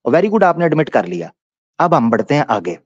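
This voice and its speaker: Insistent, lively-voiced male debater. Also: on the high side, no room sound, dull audio. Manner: insistent, interrupting, repeats phrases, recites Arabic verses. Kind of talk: heated debate.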